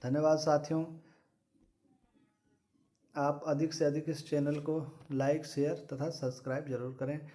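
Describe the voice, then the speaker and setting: A fairly high-voiced man works through exam questions one by one. He talks at a steady, methodical pace and repeats the same set phrases for each answer. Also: measured pace, pauses often. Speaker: exam prep teacher. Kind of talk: reading quiz questions and answers.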